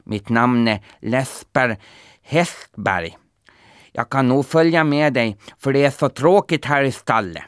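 A man's voice: medium pitch, animated, clean tone, dry recording, studio quality, pitched above the performer's own voice, close to an everyday voice. A man voicing a clumsy, cheerful talking horse in a storybook, chatty and upbeat.

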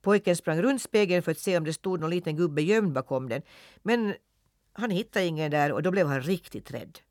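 A man narrating a classic children's story for radio in a lively, expressive reading. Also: a little high, no room sound, clean studio sound.

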